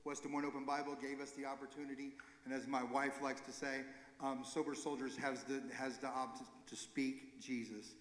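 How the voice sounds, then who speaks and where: A man leading a recovery ministry gives an informal, earnest church talk, halting and correcting himself as he goes. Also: mid-range voice, flat delivery. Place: church sanctuary. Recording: echoey hall with long reverb.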